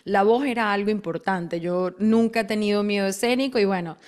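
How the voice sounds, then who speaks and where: A woman co-hosting a podcast, talking in a lively, chatty way with quick bursts while asking her guest questions. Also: medium pitch. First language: Spanish. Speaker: podcast co-host. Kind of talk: casual podcast conversation.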